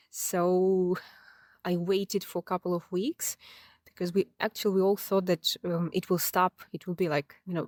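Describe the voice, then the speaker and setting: A woman's voice: medium pitch, darkish tone, dry recording, clean studio sound. A Ukrainian woman in her thirties, from Ukraine, telling her life story as an interview guest in a reflective way, with many fillers and restarts.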